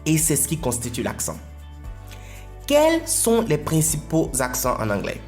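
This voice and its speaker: A man's voice: a little high, wildly swooping pitch, measured pace, faint music behind. Patient man teaching an English lesson. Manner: patient, repeats points for emphasis. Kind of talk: explanatory French lesson narration.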